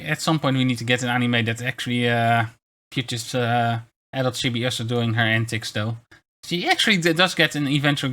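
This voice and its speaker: A man gives casual livestream commentary in a mid-pitched, bright voice. He rambles along as he reads aloud and reacts, often stumbling over words and restarting. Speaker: VTuber streamer.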